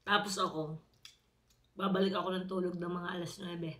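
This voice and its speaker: Bright-voiced woman chewing while she talks. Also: fairly low pitch, flat delivery, brisk. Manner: chatty, rambling, addresses viewers directly. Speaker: home cooking vlogger. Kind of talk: casual chat to followers. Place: home kitchen.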